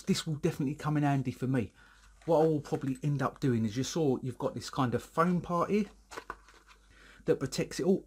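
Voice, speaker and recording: A man, a little out of breath, chats his way through a product review in a loose, rambling way. His voice is slightly husky, and he keeps restarting his sentences. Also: mid-range voice. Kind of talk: casual product review vlog. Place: indoor room, filming himself alone.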